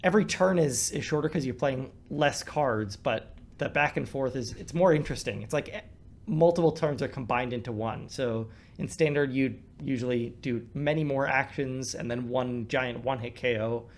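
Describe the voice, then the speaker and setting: A man's voice: medium pitch, normal speed. Man musing aloud, full of fillers. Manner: thinks aloud with many fillers and restarts. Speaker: co-host discussing a card game. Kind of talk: casual gameplay commentary.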